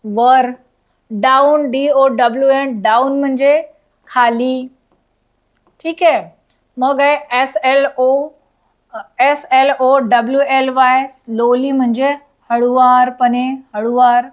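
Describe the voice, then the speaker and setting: A woman's voice: sits high, fairly even intonation, slow pace. A woman teaching a recorded school lesson, spelling words out letter by letter and asking children questions.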